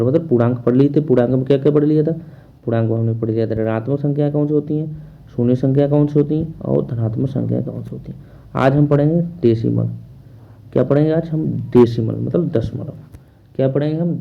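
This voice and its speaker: A man's voice: mid-range voice, fairly even intonation, brisk, vocal fry, muffled recording. A man teaching a math class online, asking questions and answering them himself in a repetitive drilling manner.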